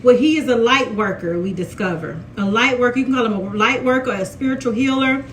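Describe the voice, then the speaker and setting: A woman's voice: a little high, fairly quick, a little hiss or hum. Chatty Mississippi woman recapping a show. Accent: Southern US, Mississippi. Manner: chatty, animated, restarts a lot. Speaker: TV recap vlogger. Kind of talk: casual episode recap.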